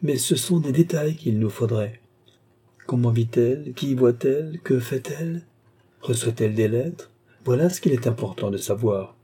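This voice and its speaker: A man reading aloud voices a haughty, excitable noblewoman, a countess who scolds in shrill, imperious outbursts. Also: normal speed, breathy edge. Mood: eager.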